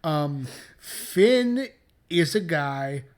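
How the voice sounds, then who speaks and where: A man's voice: a little high, extremely slow. A man in his thirties co-hosting a comedy podcast, ranting animatedly and swearing freely in casual chat. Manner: animated, profane, exaggerated ranting. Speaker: podcast co-host.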